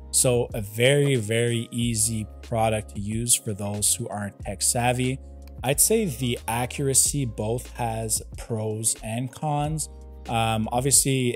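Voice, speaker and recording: A man's voice: lowish voice, darkish tone. A man giving a casual product review, explaining things step by step with examples. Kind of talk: casual review narration to viewers. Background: background music.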